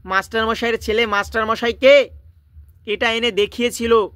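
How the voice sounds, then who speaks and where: A man teaching a class, with a fairly high and bright voice. He reads a story aloud, breaks off to explain its harder words and restates each line in everyday speech. The sound is close and dry. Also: steady tone, moderate pace, no room sound. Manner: stops often to explain words and restate lines. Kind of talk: reading and explaining a story in a lesson.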